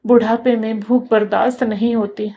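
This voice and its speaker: A woman's voice: on the high side, flat delivery, normal speed, dark tone, muffled recording. A woman voicing a frail, starving elderly mother-in-law who pleads fearfully and apologetically in a storybook tale. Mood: pleading.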